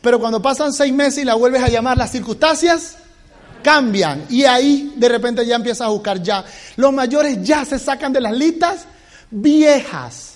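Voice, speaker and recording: High-voiced man giving a pep talk. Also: unhurried. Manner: animated, addresses listeners directly with rhetorical questions. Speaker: business team mentor. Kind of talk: motivational talk to a group.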